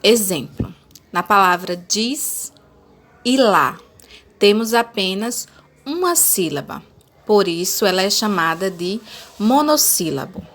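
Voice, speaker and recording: A woman teacher with a Brazilian accent giving a lesson, speaking slowly and spelling words out syllable by syllable. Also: medium pitch, lively intonation, a bit bright. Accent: Brazilian Portuguese. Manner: slow, deliberate, spelling out syllables. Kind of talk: recorded classroom lesson.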